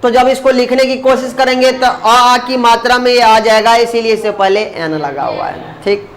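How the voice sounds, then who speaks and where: A man teaching a grammar lesson, who explains slowly, sounds words out syllable by syllable, and keeps asking his students questions that he answers himself. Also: very high voice, a bit bright.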